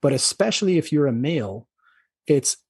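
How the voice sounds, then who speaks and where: A middle-aged man with an Irish accent and a slightly husky voice, speaking quickly and anecdotally as a doctor being interviewed. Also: fairly high pitch, expressive, darkish tone, no room sound, clean studio sound. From Ireland. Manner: fast-talking, anecdotal. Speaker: doctor, podcast guest. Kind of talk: conversational interview.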